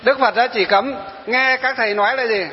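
A high-pitched man, a Buddhist monk, delivers a dharma talk full of stories and rhetorical questions. The sound is dull and lo-fi, with a long reverb as in a hall, and faint noise underneath. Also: steady tone, moderate pace. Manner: storytelling, quoting followers, rhetorical questions.

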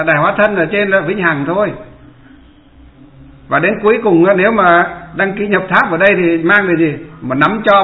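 Male monk, dharma talk, rhetorical questions, fairly high voice, tinny echoey recording. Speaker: Buddhist monk. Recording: echoey room over a tinny line.

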